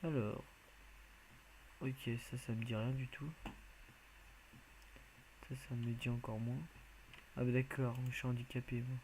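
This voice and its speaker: A man's voice: medium pitch, flat delivery, measured pace, pauses often, a little mellow, slight background noise, poor audio. A man giving casual, rambling commentary as he plays a video game, hesitant and full of filler sounds. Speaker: video game let's player.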